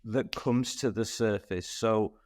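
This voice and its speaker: Speaking slowly in a fairly low voice, a dental practice owner chats on a podcast over a video call. He's an animated storyteller who often closes his points with "right?" in casual conversation.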